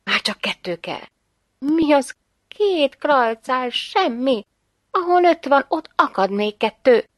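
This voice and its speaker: A woman reading aloud and voicing a poor mother who laughs at her own hardship, excited and bright. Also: medium pitch, no echo, clean studio sound.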